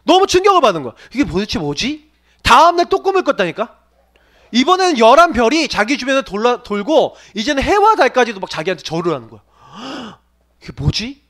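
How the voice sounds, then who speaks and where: High, lively-voiced male youth preacher. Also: quick pace. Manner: asks the audience many questions, acts out quoted voices. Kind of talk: animated sermon for young people.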